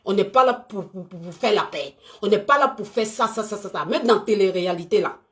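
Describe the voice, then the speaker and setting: A woman's voice: mid-range voice, brisk. A woman talks live to her viewers, emphatic and repetitive. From Côte d'Ivoire. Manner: animated, emphatic and repetitive, talking straight to viewers. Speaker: live stream host. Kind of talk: unscripted live stream talk.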